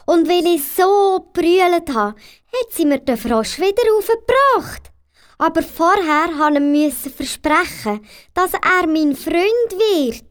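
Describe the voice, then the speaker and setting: A spoiled young princess speaks in a very high, petulant Swiss German voice. She talks slowly and pleads with a childlike tone. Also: lively intonation, exaggerated voice. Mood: pleading.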